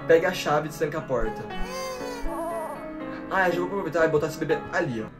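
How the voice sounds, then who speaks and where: Brief: young Brazilian guy, 19, horror let's-play, panicky and yelpy, slightly high voice, game music playing loud underneath. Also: expressive, fairly quick. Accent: Brazilian Portuguese. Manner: jumpy and panicky, shrieking and rattling off repeated words; talks straight to viewers, slangy. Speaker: gaming YouTuber. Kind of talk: horror gameplay commentary.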